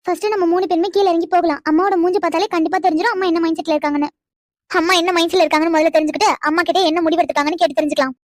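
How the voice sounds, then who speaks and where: A woman voices a bossy young woman in a cartoon who lectures and scolds her friend. The voice is extremely high and rattles along at top speed, and it sounds dry and close. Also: steady tone, racing, dry recording. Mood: instructing. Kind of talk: animated cartoon dialogue.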